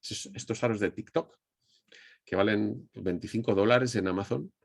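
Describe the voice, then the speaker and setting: A man's voice: fairly low pitch, moderate pace, creaky, dry recording, clean studio sound. A man with a Madrid Spanish accent, giving a conversational online presentation lesson on a webcam, speaking straight to his audience with frequent restarts. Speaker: communication trainer. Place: indoors at a desk under a ring light. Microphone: webcam on video call.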